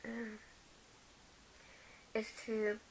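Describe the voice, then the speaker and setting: A woman's voice: a little high, completely flat delivery, very slow, a little hiss or hum, poor audio. A young woman from the UK vlogging a tag video, chatting as she reads each question aloud and answers it with personal stories.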